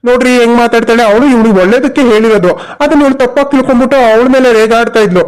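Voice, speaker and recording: A performer voicing a concerned young husband and brother in a cartoon story, talking in quick, protective reassurances. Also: mid-range voice, fairly even intonation, clear, resonant tone, natural voice.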